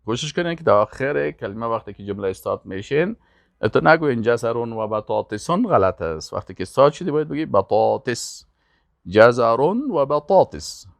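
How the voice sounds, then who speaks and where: Lively male Arabic teacher. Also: medium pitch, gravelly, dry recording. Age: older. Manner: pronounces each word slowly and loudly, then quickly explains. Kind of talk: classroom vocabulary lesson.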